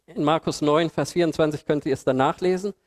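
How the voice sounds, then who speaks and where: A man delivers a sermon in a church hall in a colloquial, humorous way, full of rhetorical questions. His voice sits a little high for a man. Long reverb from the hall trails each phrase. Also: fairly quick. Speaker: preacher. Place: church hall with projected slides.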